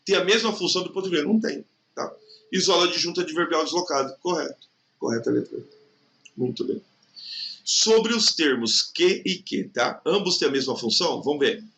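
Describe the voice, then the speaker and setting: A man teaching an exam prep lesson in Brazilian Portuguese, chatty and checking in with the listener often, stretching words out slowly to show the stressed syllable. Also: a little high, lively intonation, a bit bright. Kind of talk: recorded online lesson.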